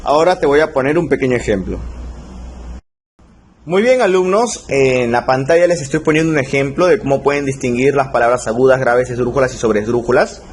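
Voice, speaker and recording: A man teaching a recorded spelling lesson, slowing down to stress key rules and checking in with his students. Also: mid-range voice, slight background noise. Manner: slow, stretched emphasis on key rules, frequent check-ins. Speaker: language teacher.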